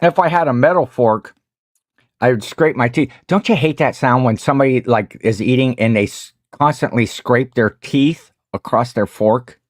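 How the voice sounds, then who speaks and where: A man's voice: mid-range voice, normal speed, no room sound, clean studio sound. A man with a Midwestern American accent hosting a casual livestream, rambling while he eats and greets viewers in the chat. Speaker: host of a reseller livestream.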